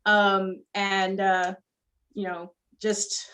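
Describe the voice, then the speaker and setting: A woman artist speaking as a panelist on a video call, hesitant and halting with fillers. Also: mid-range voice, little pitch movement, a bit bright. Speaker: panelist, digital collage artist. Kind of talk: casual remarks on a video call.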